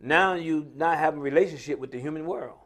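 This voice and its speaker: An American man on a religious talk live stream offers unscripted, preaching-style social commentary. His voice is a little high, well above most men's, slightly fast and a bit bright. He tells stories colloquially and emphatically, driving points home through repetition.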